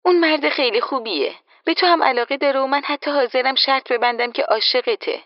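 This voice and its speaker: A woman's voice: high-pitched, no room sound, lo-fi sound, pitched above the performer's own voice, lightly acted. A woman voicing a nosy, worried young friend in an audiobook, asking insistent anxious questions. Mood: teasing. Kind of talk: audiobook character voice.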